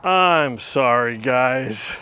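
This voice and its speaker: A man's voice: medium pitch, expressive, extremely slow, sharp tone, a little hiss or hum. A man in his fifties hosting a casual vlog, rambling and talking to himself while he works outdoors. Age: 50s. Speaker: channel host. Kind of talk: casual vlog talk to camera.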